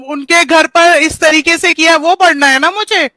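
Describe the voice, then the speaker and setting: A woman's voice: extremely high pitch, pushed and bright, dry recording. A woman calling into a heated online debate, arguing insistently and defiantly. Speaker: caller in a debate.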